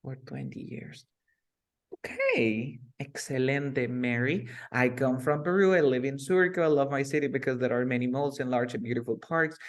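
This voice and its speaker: A man teaching an online English class over a video call, explaining slowly and repeating key words. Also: medium pitch, lively intonation.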